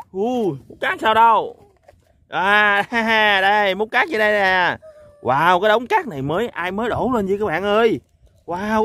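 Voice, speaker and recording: A man's voice: high voice, pushed and bright. A man hosts an outdoor toy-hunting vlog, exclaiming "wow" and chuckling as he talks to viewers. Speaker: toy vlogger. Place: outdoors on a sandy lot.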